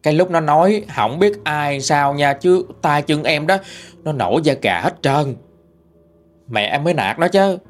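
A man's voice: a little high, lively intonation, normal speed. A man with a Southern Vietnamese accent narrating a ghost story in a chatty, conversational way.

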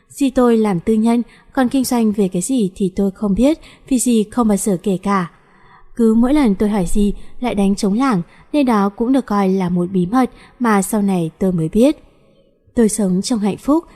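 A woman narrating a first-person story in a steady, unhurried way. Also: medium pitch. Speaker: audiobook narrator.

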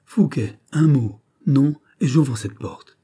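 A man's voice: mid-range voice, slow, creaky, mellow, breathy edge, voice pushed up, heavily acted. A man voicing a proud, passionate noblewoman in an audiobook of a classic novel, pleading and insistent.

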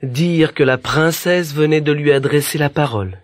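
A man narrating a children's fairy tale in a gentle, expressive storytelling voice. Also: fairly high pitch, normal speed. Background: music bed.

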